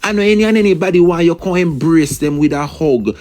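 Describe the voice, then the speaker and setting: A man's voice: a little high, a little fast, a little mellow. A man with a Jamaican accent giving casual political commentary, emphatic and repetitive, slipping into patois.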